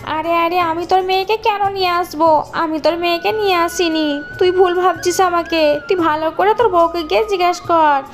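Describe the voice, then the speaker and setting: A woman's voice: very high-pitched, steady tone, normal speed, soft background music. A woman voicing a brash male dinosaur in a cartoon, who blusters and denies. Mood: defensive. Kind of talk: cartoon voice acting.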